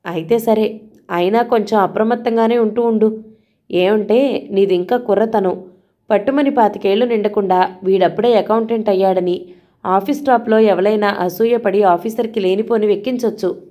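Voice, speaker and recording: A woman voicing a caring man, an elder brother who questions slowly and gently. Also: medium pitch, natural voice. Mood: advising. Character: male hospital patient, caring elder brother.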